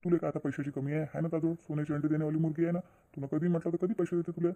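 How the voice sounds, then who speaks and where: A voice actor plays an insistent young cartoon man who keeps pressing for cash. He talks in a very fast rush, in a dark, mellow tone. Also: mid-range voice, little pitch movement, lightly acted. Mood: pushy. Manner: insistent, pleading. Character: pushy young man begging for money. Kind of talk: cartoon voice acting.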